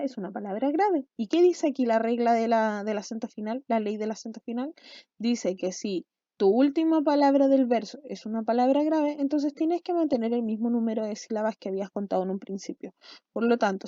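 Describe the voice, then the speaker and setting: A woman's voice: sits high, mellow, no room sound. A woman teacher giving an online class, explaining step by step and often checking in with her students. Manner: patient, step-by-step explaining with frequent check-ins. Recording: dull lo-fi sound.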